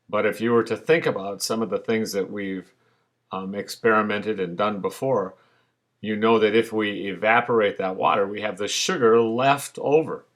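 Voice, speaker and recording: A man's voice: lowish voice, fairly bright tone. A male science teacher giving a recorded online lesson over slides, explaining patiently with frequent fillers.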